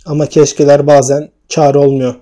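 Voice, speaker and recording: A man commentating his own football video game match, shouting and groaning at chances, then calmly recapping standings at night at home. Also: a little high, normal speed. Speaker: gaming YouTuber. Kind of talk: excited gameplay commentary.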